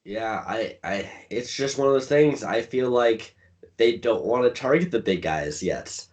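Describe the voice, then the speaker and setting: A man co-hosting a podcast, chatting casually and relaxed about a TV show. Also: medium pitch, unhurried, distant mic. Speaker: podcast co-host. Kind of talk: casual chat. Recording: voice a bit off-mic.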